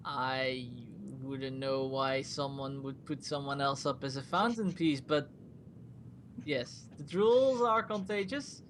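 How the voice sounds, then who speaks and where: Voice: medium pitch, slow, a little hiss or hum, pitched below the performer's own voice, lightly acted. A game master voicing a formal, courteous male prince in a tabletop game, with stately phrasing.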